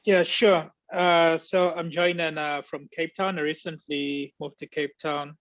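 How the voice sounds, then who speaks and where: A man's voice: fairly high pitch, level tone, a little slow, a bit bright, no room sound. A Zambian man in his forties introducing himself on a video call, speaking in a thoughtful, hesitant way with many fillers. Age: 40s. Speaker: webinar participant. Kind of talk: casual self-introduction. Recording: dry, dull lo-fi call audio.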